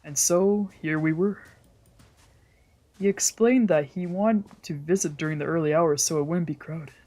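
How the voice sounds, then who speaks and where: In a let's play, a streamer reads out a visual novel's story as narration, using a dark, medium-pitched voice at normal speed. Phrases are sometimes stumbled over and repeated, all set against the game's music.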